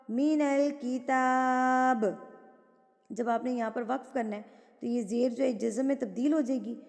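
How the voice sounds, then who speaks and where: Woman teacher with a high voice and long reverb. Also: gravelly, mellow. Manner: patient, explains step by step and asks and answers her own questions; recites verses slowly and drawn out. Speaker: Quran tajweed teacher. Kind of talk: lesson explaining recitation rules, with recited verses.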